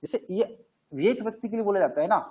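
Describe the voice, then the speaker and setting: Husky, high-pitched male grammar teacher. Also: quick pace, dark tone, poor audio. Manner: conversational, asks questions and answers them himself. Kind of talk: classroom grammar lesson.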